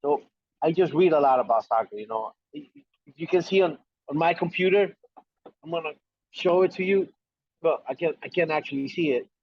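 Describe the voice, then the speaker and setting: A man's voice: a little high, fairly quick, long pauses, no room sound. Ecuadorian-accented man on a dull call line. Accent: Ecuadorian Spanish. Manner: repeats words, friendly and self-assured. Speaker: soccer correspondent guest. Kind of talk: casual podcast chat.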